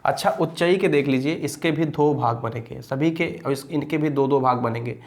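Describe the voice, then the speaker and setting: A young male teacher leads an exam-prep grammar lesson at a middling pitch. He repeats key phrases and keeps checking that his students follow. When he recites the rules, he slows right down. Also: a little mellow. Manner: recites Sanskrit sutras slowly.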